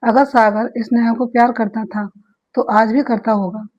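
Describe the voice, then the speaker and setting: A woman voicing a calm, reassuring young man in a read-aloud story, reasoning steadily. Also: a little high, moderate pace, muffled recording, lightly acted.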